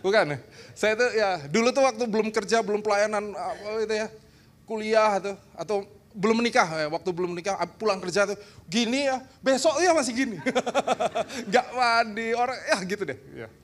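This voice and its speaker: A male pastor from Indonesia delivers a seminar sermon in a church. His voice sits high, and he keeps it animated and humorous, teasing the congregation as he goes. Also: a little fast. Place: church hall.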